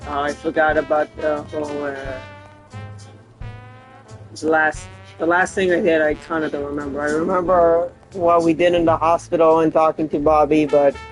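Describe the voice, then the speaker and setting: A man with a hoarse voice giving rambling, casual commentary as he plays a game. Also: fairly high pitch, flat delivery, normal speed, faint music behind, rough recording. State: hoarse after recent surgery. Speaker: game streamer.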